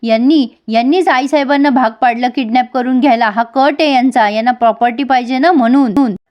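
An earnest young daughter-in-law who pleads and protests that she is innocent , as a woman retelling a serial puts her on. The voice sits a little high. It is told in a chatty review style. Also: a little fast, dull audio, close to an everyday voice. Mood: pleading.

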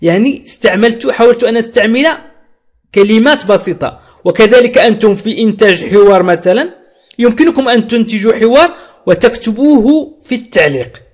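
A man teaching a French lesson, who says French phrases slowly, repeats them, and then explains them. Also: high voice, expressive. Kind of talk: language lesson.

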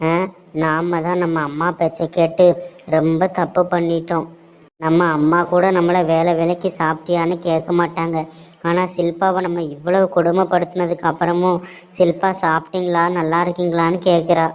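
A wavering young cartoon man with a Tirunelveli Tamil accent, voiced by a woman, torn between guilt and scheming. The voice sits low and moves in a flat, narrow line. The sound is dull and lo-fi. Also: moderate pace, natural voice. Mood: guilty musing. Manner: pleading, theatrical. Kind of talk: cartoon voice acting.

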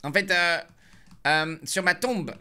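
A male streamer roleplays phone calls in a very bright, fairly high voice. He answers with exaggerated politeness and a teasing undertone. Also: slow pace, smooth. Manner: polite, mock-formal, teasing. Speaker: streamer playing a roleplay character.

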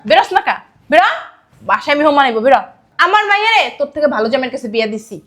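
A woman playing a scornful, greedy middle-aged mother-in-law who scolds and shouts orders in a web drama. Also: very high voice, big pitch swings, fast, roomy sound, heavily acted. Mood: scolding. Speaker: actor. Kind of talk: low-budget web drama acting.

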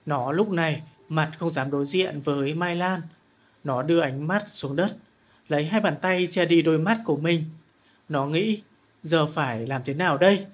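A man's voice: fairly high pitch, slightly rough. Man narrating a dramatic audiobook. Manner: measured, dramatic storytelling. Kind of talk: scripted story narration.

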